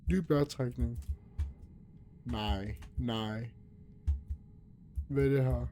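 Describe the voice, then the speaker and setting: A man's voice: mid-range voice, steady tone, warm tone, slight background noise. A young man nervously commentating a horror game, talking to himself and his viewers as he gets scared. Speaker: gaming youtuber.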